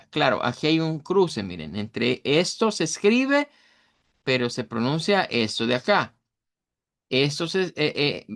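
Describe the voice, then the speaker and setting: Vowel sounds are the topic as a middle-aged male English teacher, speaking with a Central American Spanish accent, gives a recorded online class. He uses fillers and self-corrections, and his voice sounds fairly high-pitched and fairly bright.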